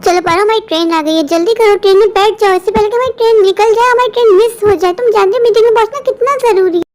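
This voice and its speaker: Cartoon office woman, bossy, impatient, scolding, very high quick voice, voiced by a woman. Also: background noise. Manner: scolding, lecturing. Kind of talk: cartoon voice acting.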